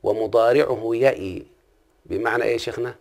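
Speaking fast with an Egyptian accent, a man leads a classical Arabic grammar lesson and keeps stopping to quiz his listener with check-in questions. His voice sits at medium pitch, with vocal fry and a darkish tone.

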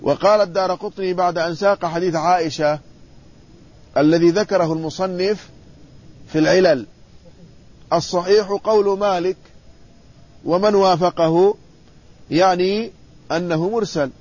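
A man teaching an Islamic hadith lesson, reading a classical text aloud, explaining it and putting quick questions to his students. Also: high voice, fairly even intonation, darkish tone, lo-fi sound. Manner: reads quoted text then explains, quizzes students.

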